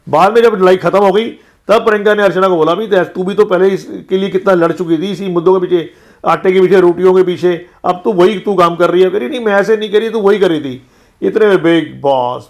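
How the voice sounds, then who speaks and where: Guy with a high voice doing a quick chatty show recap, quotes everyone back and forth. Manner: retells quarrels by quoting each person in turn. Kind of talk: casual TV episode recap.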